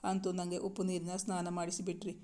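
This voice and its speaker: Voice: mid-range voice, completely flat delivery, a little fast, warm tone, natural voice. A narrator voicing a teasing young lover. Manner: playful, coaxing.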